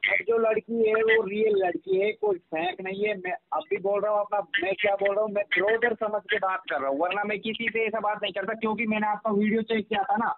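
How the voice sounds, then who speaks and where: Here a caller keeps leaning on the person at the other end, arguing casually in an insistent, repetitive way. He speaks briskly with few pauses, his high-pitched voice gravelly, and the telephone line is tinny, noisy and clicking.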